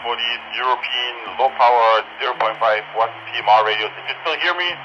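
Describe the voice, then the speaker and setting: Through a walkie-talkie, a man gives range test commentary for a product review and repeats his phrases for the test. His medium-pitched voice runs a little fast, and the dull, band-limited radio sound has a little hiss or hum with music behind.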